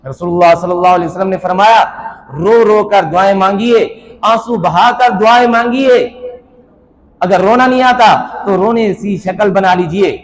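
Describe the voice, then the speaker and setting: A man preaching a sermon at a mosque gathering, with an emotional, pleading delivery broken by frequent pauses. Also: sits high, poor audio.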